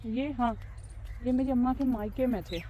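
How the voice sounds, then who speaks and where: A woman's voice: a little high, moderate pace, dark tone, slight background noise. A woman vlogging outdoors, chatting casually and narrating what she sees to her phone camera. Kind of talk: casual vlog chat. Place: outdoors by a ground and trees.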